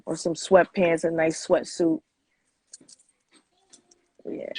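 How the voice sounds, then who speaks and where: Her voice is deep, dark and breathy-edged, moving little in pitch and going slowly over a dry recording. A sneaker collector in her forties, she's an interview guest in a casual chat, thinking out loud and wandering a little.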